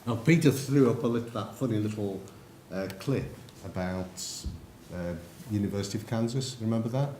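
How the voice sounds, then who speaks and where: A man's voice: on the low side, moderate pace, a little mellow, a little hiss or hum. English man lecturing in an echoey room. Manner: anecdotal, addresses the audience directly. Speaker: conference speaker. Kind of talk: presentation to an audience.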